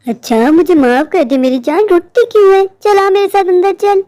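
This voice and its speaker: A woman voicing a ghostly mother who speaks low, tender and coaxing in an animated horror story. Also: normal speed, noisy background. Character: possessing mother spirit, tender yet eerie.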